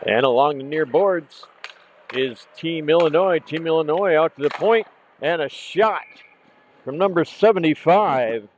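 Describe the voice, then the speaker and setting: A man calling a junior women's hockey game play by play, hoarse from losing his voice, calm and unhurried, correcting himself now and then. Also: on the high side, slight background noise, poor audio. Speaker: play-by-play commentator. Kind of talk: live hockey commentary. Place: outdoor rink in cold weather.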